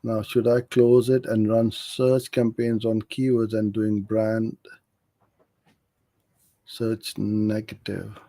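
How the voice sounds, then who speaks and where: Hosting an informal live Q&A, a middle-aged man from Karachi, Pakistan, who owns a digital marketing agency, coaches with frank, practical explanations. His voice sits on the low side with a dark tone, and he speaks slowly and flatly with no room sound.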